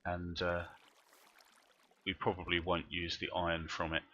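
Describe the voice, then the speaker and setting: Low-voiced man streaming a game. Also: monotone, a little slow, bright, forceful tone, dull audio, slight background noise. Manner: rambling, thinking aloud while playing. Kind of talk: live gameplay commentary.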